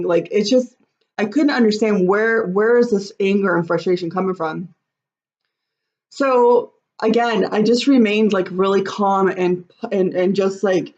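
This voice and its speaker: A woman's voice: mid-range voice, a little mellow, lo-fi sound. A woman in her thirties, a parenting coach, talking casually about her own day with lots of "like" and "um". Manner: chatty, many fillers like "like" and "um". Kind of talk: casual personal talk to camera.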